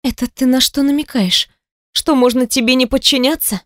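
A woman reading an audiobook, voicing a hurt young woman in a higher, bitter and sarcastic voice. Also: fairly even intonation, moderate pace, a bit bright, no room sound, clean studio sound. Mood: defiant.

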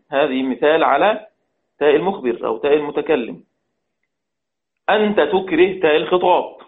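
A man teaching Quran recitation rules, repeating each phrase and chanting the quoted verses slowly. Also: on the high side. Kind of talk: religious lesson. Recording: tinny phone-like audio.

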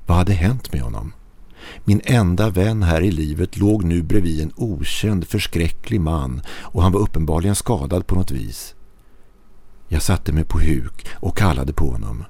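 A man narrating a horror story in a measured, tense storytelling manner. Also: deep voice, lively intonation, mellow, slightly rough, dry recording.

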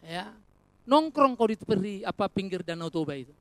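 A man preaching a sermon as pastor, animated and colloquial, with rhetorical questions, humorous asides and direct address to the congregation. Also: high-pitched, normal speed, no echo.

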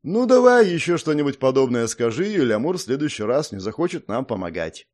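A man's voice: mid-range voice, sing-song, a little fast, darkish tone, husky. A man voicing a sardonic young prince with a curt, ironic way of speaking.

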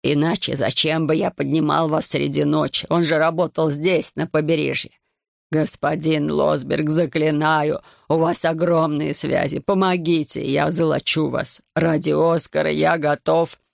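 Audiobook figure: distraught, pleading middle-aged merchant, voiced by a male narrator, gravelly tone. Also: a little high, level tone, dry recording, studio quality. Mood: desperate pleading. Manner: desperate, pleading, slowed and broken. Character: distraught heavyset businessman, frightened pleading father.

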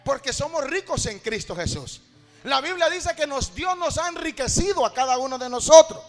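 A fervent man preaches in a very high voice, calling out to the congregation. He slips into sung and shouted lines. Faint music plays behind him. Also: lively intonation, normal speed, in a large hall. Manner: fervent, calls to the congregation, sings and shouts phrases. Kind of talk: sermon.

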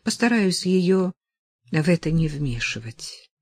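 A woman reading the part of a hesitant, guilt-ridden young woman, speaking softly and haltingly. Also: on the low side, very animated, no room sound, exaggerated voice. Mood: firm.

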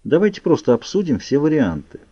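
A man voicing a calm, firm young female vampire in an audiobook, speaking quietly. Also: on the high side, fairly quick, slightly rough, dry recording, pitched above the performer's own voice. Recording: muffled lo-fi recording.

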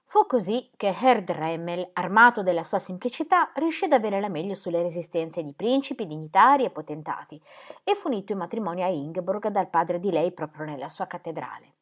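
An audiobook reader, a woman with a voice on the low side, reads a novel aloud in a measured, expressive way.

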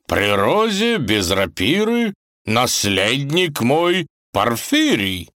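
A man's voice: mid-range voice, very animated, takes it slowly, a bit bright, no room sound, clean studio sound, pitched above the performer's own voice. A man voicing a jovial, boisterous older male kaiser who declaims rhymes.

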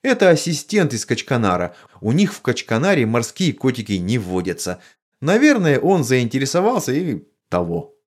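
A calm, wry circus director explaining things matter-of-factly in a storybook, as a male narrator voices him. His lines rise and fall in lively waves. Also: medium pitch, normal speed, voice pushed up.

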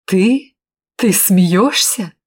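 A woman's voice: mid-range voice, animated, drawn-out words, darkish tone. A woman reading an audiobook, voicing an irritable hard-drinking man who hisses threats through his teeth. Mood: angry, menacing.

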